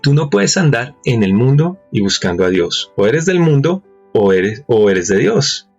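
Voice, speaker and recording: A man's voice: mid-range voice, very animated, measured pace, darkish tone. A man preaching a sermon, reading verses aloud and asking his listeners questions. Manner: asks rhetorical questions and reads verses aloud. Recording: dull lo-fi recording with faint music.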